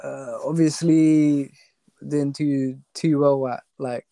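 A man's voice: medium pitch, steady tone, slow pace, creaky, mellow, no echo. A young man with a London roadman accent chatting casually and telling personal stories in slangy street talk full of tag questions. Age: young adult. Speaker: podcast guest.

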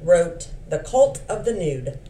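A woman's voice: on the low side, sing-song, takes it slowly, warm tone. A woman co-hosting a podcast, reading history notes aloud in a casual chat and breaking off for playful asides. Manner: reads facts with playful asides. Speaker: podcast co-host. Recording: roomy, slightly distant mic with faint hiss.

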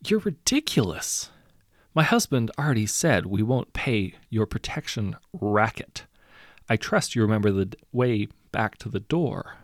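A man's voice: medium pitch, sing-song, normal speed, no room sound, clean studio sound, pitched above the performer's own voice. A man voicing a farmer's wife and mother who talks back with defiance in a storybook. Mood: angry. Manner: upset, defiant.

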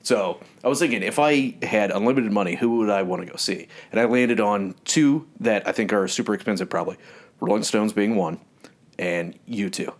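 A man co-hosting a podcast, chatting casually and telling animated stories with frequent laughs. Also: lowish voice, normal speed. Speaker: podcast co-host. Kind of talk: casual chat.

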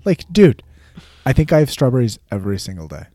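A man's voice: fairly low pitch, sing-song, very fast, warm tone, no room sound. A man co-hosting a podcast in casual football chat, laid-back, with lots of agreeing interjections and dry jokes. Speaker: podcast co-host.

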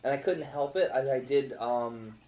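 A man's voice: medium pitch, normal speed, mellow, echoey room. A young man, a stand-up comedian, chatting casually and telling a rambling story full of fillers and restarts. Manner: rambling storyteller, many fillers and self-interruptions. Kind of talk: casual podcast chat.

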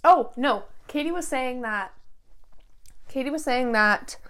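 A woman's voice: sits high, expressive, a little slow, fairly bright tone, clean tone. A woman co-hosting a podcast, rambling in casual chat and filling her sentences with "like" and "literally". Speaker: podcast co-host.

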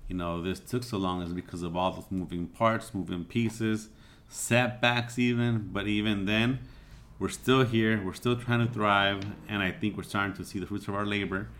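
A man's voice: fairly low pitch, fairly even intonation, moderate pace, a bit bright. A man hosting a casual podcast, talking in a loose, reflective way with lots of "you know" fillers. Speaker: podcast host.

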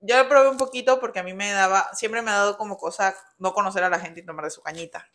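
A woman's voice: medium pitch, fast talker, fairly bright tone. Chatty young woman telling a story. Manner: chatty, laughs often, acts out quoted lines. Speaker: co-host telling their couple story. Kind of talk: casual storytelling chat.

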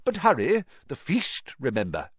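A reader voicing a calm, wise old headmaster who speaks in a measured way. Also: mid-range voice, breathy edge, no echo. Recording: dry, slightly dull lo-fi.

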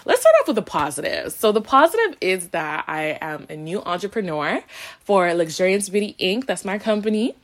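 Her medium-pitched voice swinging widely in pitch at a normal speed, a late-twenties Canadian podcast co-host chats through a casual self-introduction. She's playful and sassy, full of slangy asides and repetition.

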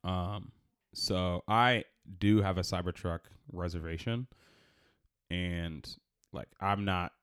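A man co-hosting a podcast in casual chat, animated and quick to laugh, pitch jumping up when he gets excited. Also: clear, resonant tone. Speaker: podcast co-host. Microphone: headphones and studio mic.

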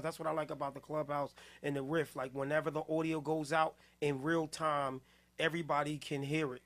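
A man hosting a casual late-night podcast, excitable and quick to burst into laughter and loud outbursts. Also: a little high. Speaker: podcast host.

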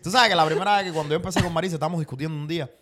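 A man's voice: fairly high pitch, a bit bright. A man in a casual podcast chat, talking emphatically and often repeating agreements back. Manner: quick, emphatic talk with repeated affirmations.

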